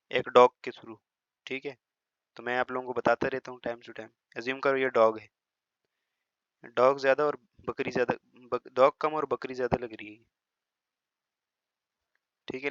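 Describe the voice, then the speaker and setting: A man's voice: mid-range voice, fairly bright tone, dry recording. A man teaching a biology lesson in a classroom lecture style, chatty, with teasing asides and frequent checks that students follow. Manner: slows down and over-stresses words when demonstrating pronunciation. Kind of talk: classroom-style lecture in Hindi-English mix. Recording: slightly dull, lo-fi, dry recording.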